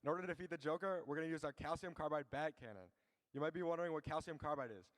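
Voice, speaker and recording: A teenage boy presenting a chemistry demonstration with an eager, quick delivery. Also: on the high side. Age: late teens. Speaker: student demonstrator. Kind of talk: scripted science explanation. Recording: echoey auditorium sound.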